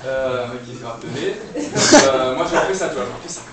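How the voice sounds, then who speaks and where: A man's voice: mid-range voice, a little fast. A young man doing improvised stand-up comedy with the audience, talking in a loose, chatty way with many fillers and restarts, heard from a distant mic on a live stage. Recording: distant live room mic, strong echo, noisy.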